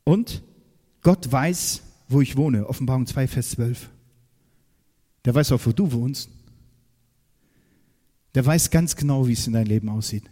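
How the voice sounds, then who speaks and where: A man preaching a sermon, emphatic and direct, asking his listeners questions and swinging from loud outbursts to quiet, low asides. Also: a little slow, long pauses, big-room sound.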